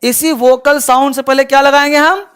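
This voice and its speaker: A man's voice: very high voice, fairly even intonation, normal speed, fairly bright tone. A man teaching an online English class in Hindi, asking his students questions and answering them himself. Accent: Bhojpuri-region Hindi.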